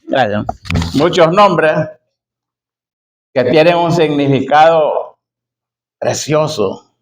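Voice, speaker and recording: Pastor guy, slow sermon, repeats lines for emphasis, calls folks brother. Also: fairly high pitch, animated, low-quality recording. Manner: emphatic, repeats key phrases slowly; addresses listeners as brother and sister. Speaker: preacher.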